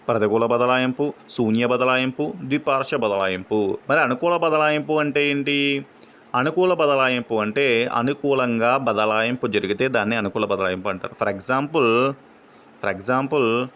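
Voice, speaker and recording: A man works through exam questions in a revision lesson, posing each question and then answering it. His voice is smooth and resonant at a middle pitch. The recording sounds dull and lo-fi. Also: fairly bright tone. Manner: asks questions then answers them, mixes in English phrases. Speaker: exam-prep teacher.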